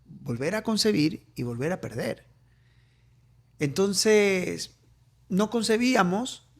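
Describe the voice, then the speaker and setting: A middle-aged Ecuadorian man speaks as a guest on an interview show, with a gravelly, raspy texture. His voice sits a little high for a man. He tells a personal story and keeps repeating phrases for emphasis. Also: animated, slow. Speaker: guest, coach and author.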